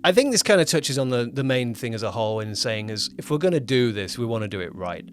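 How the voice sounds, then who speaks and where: A man with a medium-pitched, animated voice talks quickly, with slight background noise. As podcast co-host and producer, he chats casually about a production, rambling and often correcting himself mid-sentence.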